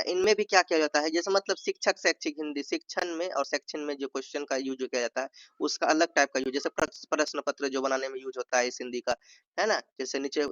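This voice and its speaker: A man with a slightly high, fairly bright voice gives an explanatory Hindi exam-prep lesson, repeating each point, often saying "ठीक है", and acting out sample sentences in different tones. The recording is dry with no echo or room sound, and a bit dull and muffled.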